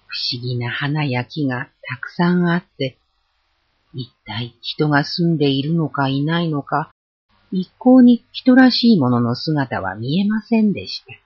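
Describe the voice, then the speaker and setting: Reading a folk tale aloud, this storyteller is lively and expressive, with a husky voice whose pitch swings widely. The recording sounds dull and lo-fi, with no room sound.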